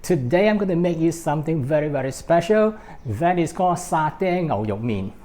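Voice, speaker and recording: A cooking show host born in Hong Kong and raised in Malaysia, speaking with a Malaysian accent, demonstrates a recipe to camera and explains it step by step. His voice is a little high and a little mellow, animated, at normal speed.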